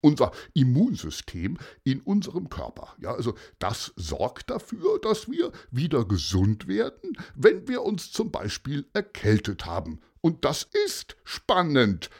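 Guy playing a super keen friend explaining stuff, husky, swoops up and down a lot. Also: medium pitch, wildly swooping pitch, unhurried, hardly any pauses, heavily acted. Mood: excited. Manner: enthusiastic, explaining. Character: eager grown-up friend explaining the body. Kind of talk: children's story reading.

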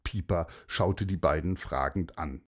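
A man narrating a children's story in an expressive, playful way. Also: low-pitched, measured pace.

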